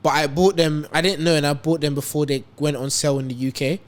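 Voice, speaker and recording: A man's voice: fairly high pitch, fairly even intonation, quick pace. A young man, co-hosting a casual chat podcast and teasing his friends with frequent laughter. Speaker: podcast co-host.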